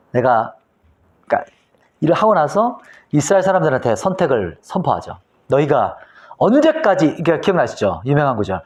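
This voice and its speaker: Animated Korean male pastor lecturing. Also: on the high side. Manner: animated storytelling, acting out scenes. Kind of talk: Bible lecture.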